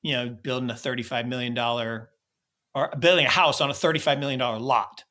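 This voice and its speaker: This podcast co-host from the United States talks animatedly and casually about markets and travel, repeatedly restarting sentences. His mid-range voice is steady in tone, a little fast, and pushed and bright.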